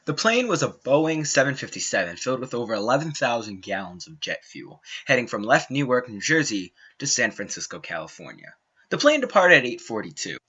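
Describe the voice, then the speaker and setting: A young man reading a scripted documentary narration in an earnest, dramatic way, with slow emphatic phrasing. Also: medium pitch, sharp tone, breathy edge. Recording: dull lo-fi home mic.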